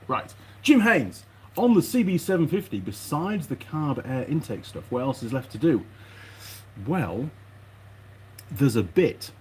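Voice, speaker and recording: A slightly mellow, mid-range male voice mutters along in a casual workshop vlog, the mechanic host hesitant and meandering as he talks to himself. Noise, clicks, and rustling parts fill the recording.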